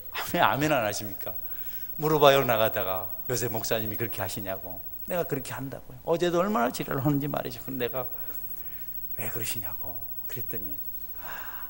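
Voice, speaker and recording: A middle-aged man preaching a sermon as a pastor, swinging from hushed, confiding asides to loud, fervent exhortation. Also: medium pitch, gravelly, slight background noise. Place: church sanctuary. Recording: church sanctuary with long reverb.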